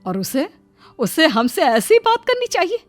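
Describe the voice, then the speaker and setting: A stern middle-aged mother-in-law for an animated family story. She scolds in cutting, sarcastic retorts, her fairly high voice swinging up and down. Faint music sits behind her. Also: unhurried, dry recording, full character voice.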